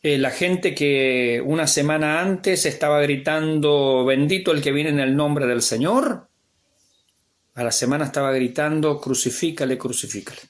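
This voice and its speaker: An Argentine man, a pastor, delivers a Bible class like a sermon, alternating between emphatic, raised lines and quiet asides. His voice is a little high, his speed normal, and his accent Argentine Spanish.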